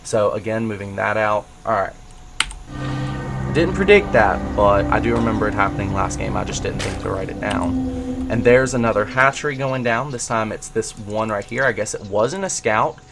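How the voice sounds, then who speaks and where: Over background music, a man with a lowish, gravelly voice speaks at a moderate pace while hosting a casual replay commentary on a match. He thinks aloud as he checks the player's moves, getting excited at what he finds, all while hiccuping.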